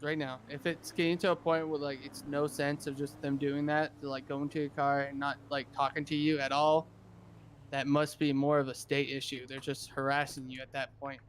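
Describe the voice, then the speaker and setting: Rambling man with a slightly high voice. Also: little pitch movement, moderate pace, a little hiss or hum. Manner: rambling, repeats himself, talks over others. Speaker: governor in a roleplay server. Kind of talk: casual roleplay chat.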